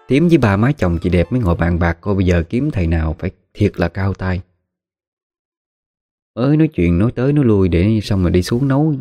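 Man, horror storyteller, casual conversational retelling, mellow dark tone, faint guitar behind. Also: low-pitched. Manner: relaxed, conversational retelling with spoken fillers. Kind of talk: spoken horror story narration. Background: faint guitar music.

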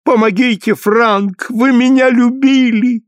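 A man's voice: steady tone, takes it slowly. A man putting on a shrieking terrified young woman. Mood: panicked pleading. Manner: shrill desperate pleading cries.

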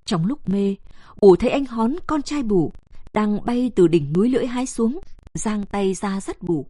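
Woman narrating a novel, steady and dry. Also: medium pitch, moderate pace, no room sound.

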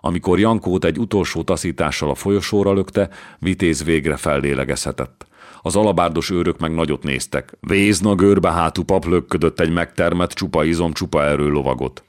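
A man narrating a historical novel as an audiobook in a measured, even way. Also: low voice.

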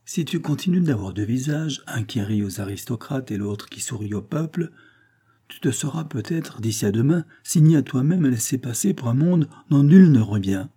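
A man voicing a grim, menacing male doctor with a hollow, rumbling voice in an audiobook reading. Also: expressive, normal speed, warm tone, husky. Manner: low and rumbling, ominous.

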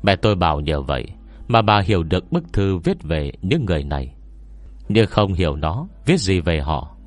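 Casting: solemn, reserved scholar, acted by a male narrator, very low voice with lively intonation, audiobook. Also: normal speed, dry recording, faint music behind. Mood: measured. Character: reserved scholar solemnly recounting his mother's memories. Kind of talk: audiobook character dialogue.

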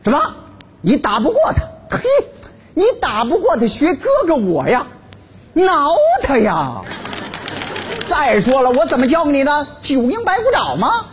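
An actor playing a laid-off, henpecked husband in a stage comedy sketch, who brags loudly and then grovels and stammers before his wife. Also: extremely high pitch, wildly swooping pitch, a little slow, highs cut off, slight background noise, exaggerated voice. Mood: bragging.

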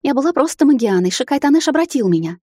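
A woman voicing a frightened young female vampire maid who pleads in a high, breathless voice. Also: fairly quick, dark tone, husky, no echo, clean studio sound. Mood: rushed.

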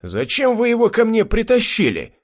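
A man voicing a menacing, gruff cult leader who barks threats and insults. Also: medium pitch, very animated, moderate pace. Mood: angry, contemptuous. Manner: barking, snarling threats. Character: gruff lanky male cult boss, menacing.

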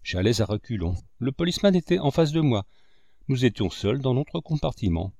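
A male narrator reads a classic novel aloud with expressive phrasing. His mid-pitched voice moves up and down a lot. The recording is close and dry. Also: moderate pace, creaky, no room sound. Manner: expressive, with a wide pitch range. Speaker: audiobook narrator. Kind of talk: literary audiobook narration.

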